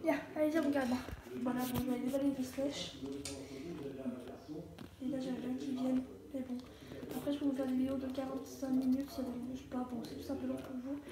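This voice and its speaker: High-voiced hoarse woman vlogging. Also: little pitch movement, a little fast, crowd noise. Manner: rambling, chatty, slangy. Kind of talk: casual vlog chat. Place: at home. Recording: roomy and noisy home recording.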